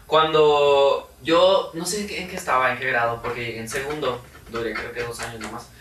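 A young man with a Mexican accent, chatting casually and telling an animated story with shouted, laughing bits. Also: medium pitch, a little fast. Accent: Mexican Spanish. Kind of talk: casual chat. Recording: echoey room, far from mic, noisy.

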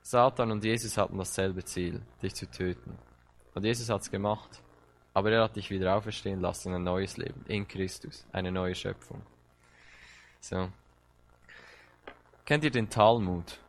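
A man with a fairly low voice delivers a sermon. He talks straight to his listeners with fervent, rising emphasis and often doubles his words as he drives a point home. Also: fairly even intonation, moderate pace, long pauses. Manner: impassioned, direct address with rising emphasis and repeated words. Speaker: preacher.

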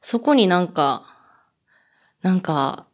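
A woman's voice: lowish voice, very animated, takes it slowly. A woman with a Kansai accent who owns a vintage clothing shop, talking casually and candidly, with lots of hesitant fillers. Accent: Kansai Japanese. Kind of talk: casual chat.

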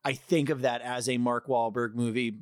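A man co-hosting a film podcast, talking casually in a thoughtful, halting way. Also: medium pitch, steady tone, no echo, studio quality. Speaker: podcast co-host.

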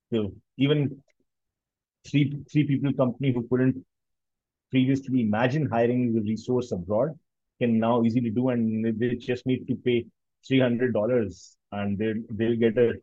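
A man's voice: medium pitch, warm tone, no room sound, dull audio. A man with a Pakistani accent talking analytically in casual conversation, often rephrasing himself mid-sentence.

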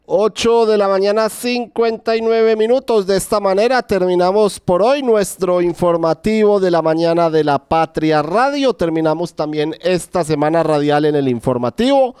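A man's voice: sits high, normal speed, hardly any pauses, darkish tone, clear, resonant tone, dry recording, studio quality. A man with a Colombian Spanish accent anchoring a morning radio news show, announcing the time and handing over to reporters.

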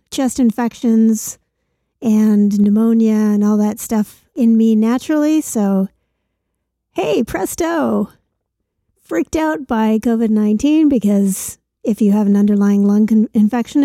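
Gravelly, very mellow woman podcaster. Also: mid-range voice, no echo, clean studio sound. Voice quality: gravelly from a chest infection. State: sick with a chest infection. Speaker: podcast co-host. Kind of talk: casual chat.

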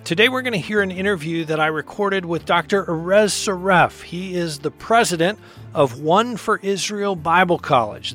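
A man hosting a radio show, introducing an interview in a smooth, scripted delivery. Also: high-pitched, a bit bright.

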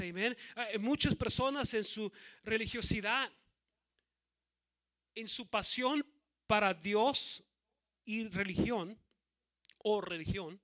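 A man pastor preaching a sermon, slowing to stress key words, often saying amen and repeating words. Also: high voice, a bit bright.

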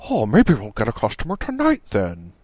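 A man's voice: fairly low pitch, sing-song, measured pace, dry recording, full character voice. A man voicing a bumbling, optimistic young man who fumbles his words cheerfully.

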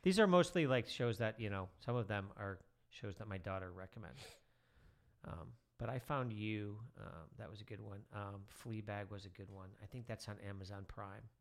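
A man's voice: on the low side, normal speed. A middle-aged man, a teacher, chatting casually as a podcast guest with lots of fillers. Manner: relaxed, rambling with many fillers. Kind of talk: casual chat.

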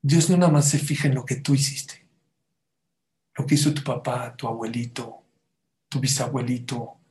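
A man's voice: medium pitch, moderate pace, a little mellow. A man giving a sermon as a rabbi, telling stories and asking the audience rhetorical questions.

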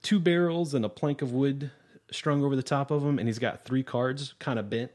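A man narrating as game master in a relaxed, descriptive way. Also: mid-range voice, normal speed. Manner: relaxed, descriptive, with small fillers.

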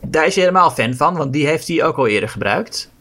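A man's voice: on the high side, animated, quick pace, fairly bright tone. A man co-hosting a casual chat, earnestly explaining his view at length with frequent restarts. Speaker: podcast co-host.

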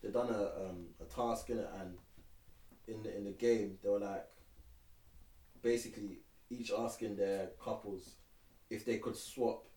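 A man's voice: fairly low pitch, steady tone, a little slow, pauses often, warm tone, far from the mic. A young man gives slangy, opinionated takes as a podcast co-host. He sounds roomy, set back from the mic. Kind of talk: casual chat.

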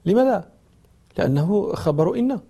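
Mellow-voiced man telling a teaching story. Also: high voice, moderate pace, gravelly, breathy edge. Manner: explains grammar patiently, acts out quoted dialogue; lively storyteller with rising questions. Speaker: Islamic scholar and teacher. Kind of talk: storytelling religious lesson.

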